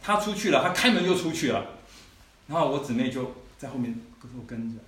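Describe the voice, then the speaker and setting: A man's voice: mid-range voice, animated, fairly quick, a bit bright. Man telling a sermon story in a hall. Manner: conversational storytelling, frequent "you know" asides. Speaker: preacher sharing testimony. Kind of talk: sermon testimony. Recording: echoey hall, mic at a distance, faint noise.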